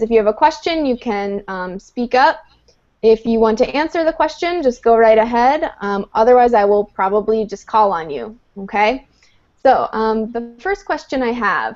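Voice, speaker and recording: A woman's slightly high, slightly mellow voice leads an online English lesson live. Patient and methodical, she explains each step with many "um"s. The sound is the dull, lo-fi audio of an online call.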